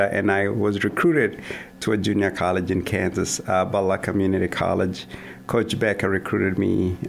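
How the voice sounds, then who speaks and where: A man answers interview questions in a studio, picking his words with frequent pauses and restarts. His voice sits low and carries a gravelly fry. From Kenya. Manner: hesitant, many fillers and restarts. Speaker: guest, runner and coach. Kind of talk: casual interview talk.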